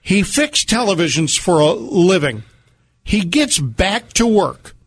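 In a radio studio, a man co-hosting a show tells stories conversationally, teasing dryly and joking along. His voice is high-pitched, sing-song and husky, with a slow pace and no echo.

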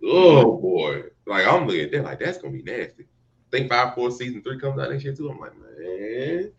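A man's voice: mid-range voice, big pitch swings, moderate pace. A man on a discussion panel, chatting casually in slang and throwing out opinionated ribbing, on dull lo-fi audio. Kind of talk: casual group chat.

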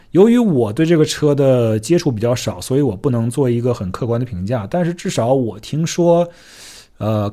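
Guy doing a solo podcast, chill mid voice, kinda self-mocking, tosses in english words, slows down for hard words. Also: medium pitch, darkish tone. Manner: chatty and self-deprecating, slips English words into his talk; slows down to sound out foreign words carefully. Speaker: podcast host. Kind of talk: casual solo podcast talk.

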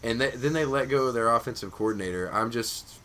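A man's voice: medium pitch, fast, a bit bright, a little hiss or hum. A man co-hosting a casual fantasy football podcast, talking in a laid-back, rambling way with many restarts. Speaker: podcast co-host.

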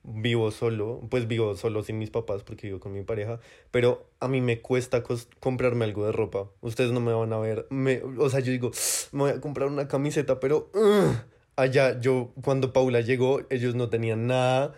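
A man's voice: mid-range voice, steady tone, normal speed, darkish tone. A man, chatting frankly and casually on a podcast.

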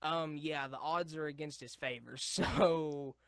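A man's voice: fairly high pitch, steady tone, unhurried, gravelly, a bit bright, clear, resonant tone, dry recording, studio quality. A young man co-hosting a casual podcast, rambling and swearing, laughing often as he tells stories. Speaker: podcast co-host. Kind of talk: casual chat.

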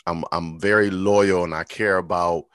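A man hosts a podcast in a loose, conversational way, telling animated stories and leaning on "like" as he talks. His voice sits low, and the recording is dry and close, with no room sound. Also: normal speed, dry recording. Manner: animated storytelling, repeats "like". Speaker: podcast host. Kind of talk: casual chat.

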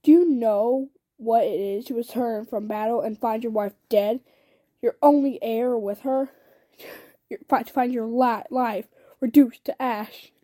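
A grim, otherworldly tall man from a storybook, read aloud by a woman. His lines come solemn and measured in a mellow, fairly high voice. He sounds stern and strange. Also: steady tone, no echo. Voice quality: oddly accented.

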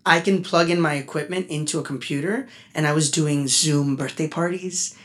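Animated, talkative male musician guest. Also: a little high, moderate pace. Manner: animated, talkative, gets emotional. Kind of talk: casual podcast interview.

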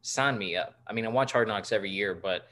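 A man in his twenties co-hosts a casual sports podcast, joking and rambling with lots of fillers. His voice is fairly low and sharp, and he talks at a quick pace.

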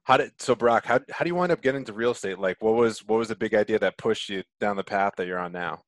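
Low-voiced man hosting, dry sound. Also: fast talker, no echo. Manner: informal, enthusiastic. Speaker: podcast host. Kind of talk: casual upbeat podcast hosting.

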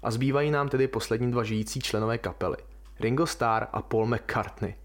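A man of ordinary middle pitch hosts a podcast by himself. He talks through his subject in a relaxed, colloquial way and muses aloud as he goes. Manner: informal, colloquial, musing. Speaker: podcast host. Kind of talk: casual podcast monologue.

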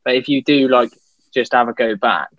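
A man's voice: medium pitch, normal speed, fairly bright tone, no echo, highs cut off. A young man from England in a casual chat, talking in a laid-back way with lots of fillers. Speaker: podcast guest.

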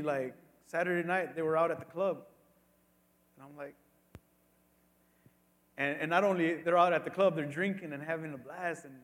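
Male preacher, high register, emphatic and conversational sermon delivery, long room reverb. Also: a bit bright. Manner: emphatic, with rhetorical questions and repeated phrases; colloquial asides, acting out dialogue. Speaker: pastor preaching.

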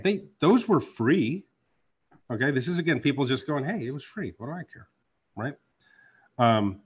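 A man talking on a casual podcast, animated and quick to curse, jumping from loud bursts to mumbled asides. His voice is a little husky. The recording sounds slightly dull and lo-fi. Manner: animated, profane, swings from loud outbursts to low asides. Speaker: podcast host and card artist.

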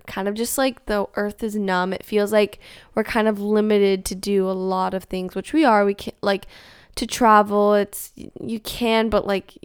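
A woman's voice: medium pitch, clear, resonant tone, no echo, studio quality. A young woman vlogging from home in a casual, rambling way, filling nearly every phrase with "like". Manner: rambling, filler-heavy, says "like" constantly. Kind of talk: casual confessional chat.

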